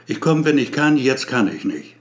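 A man's voice: mid-range voice, big pitch swings, normal speed, natural voice. Man doing a gallery lady, teasing and blunt, voice swinging up and down in a read-aloud story. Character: woman gallery owner, brisk and teasing.

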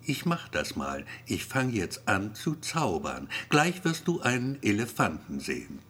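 Brief: man voicing a bold, sassy fairy girl in a storybook reading, husky and bouncy. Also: lowish voice, huge pitch swings, measured pace, fairly bright tone, full character voice. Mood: playful. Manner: bold, sassy, swears when frustrated. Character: fairy-girl dressed as clown, cheeky, brash.

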